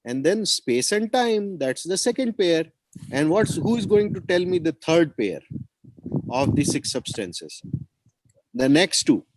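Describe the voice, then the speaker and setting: A man's voice: high voice, noisy background. A man teaching children over a video call, encouraging them and repeating his praise and questions. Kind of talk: online children's class.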